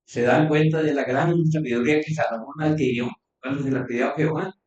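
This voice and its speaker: A man's voice: fairly high pitch, fairly even intonation, a little fast, a little mellow. Man preaching in an echoey hall. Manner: conversational, repeats and restarts words. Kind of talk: sermon. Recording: distant echoey church recording, dull sound.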